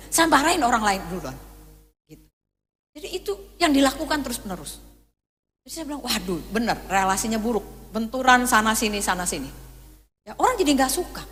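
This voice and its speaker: A woman's voice: on the high side, a bit bright, big-room sound, a little hiss or hum. A woman pastor preaching a sermon, telling stories and acting out quoted voices as she speaks to her congregation. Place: church hall.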